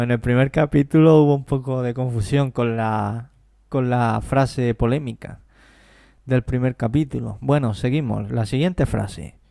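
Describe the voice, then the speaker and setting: A man teaching a language lesson, explaining slowly and carefully and repeating example phrases. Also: mid-range voice, creaky, darkish tone, no echo, clean studio sound. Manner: slow, careful explanations with deliberate English examples. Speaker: English teacher. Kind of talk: classroom-style language lesson.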